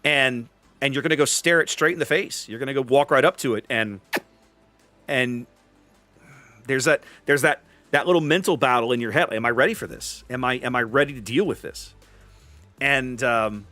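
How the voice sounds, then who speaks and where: A man's voice: mid-range voice, moderate pace, pushed and bright, no echo, faint music behind. A man hosting a live stream, chatting casually to viewers and telling a rambling travel story with many restarts. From United States. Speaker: streamer host.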